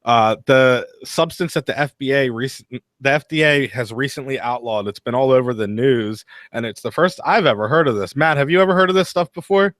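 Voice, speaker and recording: A man's voice: medium pitch, a little fast, a bit bright, no echo, studio quality. A man hosting an online call-in radio show, chatting casually and tripping over his words, laughing at his own slips. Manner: easygoing, stumbling, laughing at himself. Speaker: podcast host.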